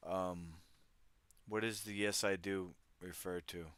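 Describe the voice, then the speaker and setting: A man's voice: sits low, steady tone, slow, a bit bright, smooth, no echo. A man hosting a livestream, reading news stories aloud and riffing on them with wry, irreverent asides to his chat. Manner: reads articles aloud, then riffs on them. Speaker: livestream host. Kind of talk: casual news commentary.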